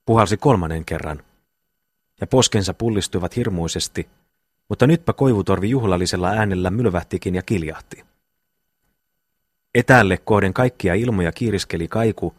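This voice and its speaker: Male audiobook reader, low voice, measured literary delivery, dry close sound. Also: dry recording. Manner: measured, old-fashioned literary reading. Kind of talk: scripted audiobook narration.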